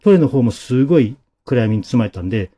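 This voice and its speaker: A man narrating a ghost story dramatically, dropping to a hush at key moments. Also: mid-range voice, animated, quick pace.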